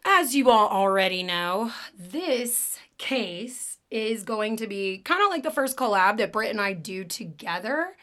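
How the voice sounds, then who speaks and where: A woman podcast host with a raspy smoker's voice, chatting casually and informally about true crime, with swearing and jokes. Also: mid-range voice, animated, measured pace, hardly any pauses, fairly bright tone.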